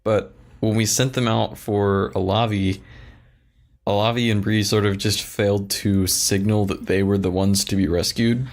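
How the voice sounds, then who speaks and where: A man's voice: on the low side, flat delivery, normal speed, darkish tone. A young man co-hosting a podcast in casual chat, blunt and grumbling about people. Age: young adult. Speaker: podcast co-host.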